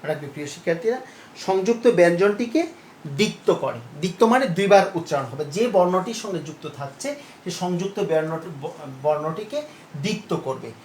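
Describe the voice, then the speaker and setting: Man teaching slowly in an echoey room. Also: high-pitched, animated, darkish tone. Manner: slow, repeats each word and asks the students. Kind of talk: Bengali pronunciation lesson. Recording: echoey room with faint background noise.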